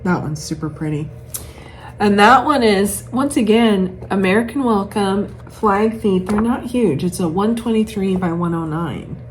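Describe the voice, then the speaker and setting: A woman with a mid-range, unhurried voice shows her cross-stitch patterns to camera, chatting casually, gushing and thinking aloud. Noisy room ambience is clearly present in the recording.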